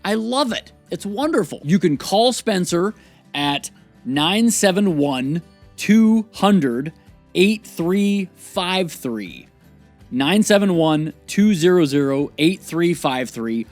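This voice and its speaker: A man hosting a podcast interview, talking in an earnest, relaxed way and also reading a sponsor spot. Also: high voice, takes it slowly, soft background music. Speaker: podcast host. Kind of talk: conversational interview with a sponsor read.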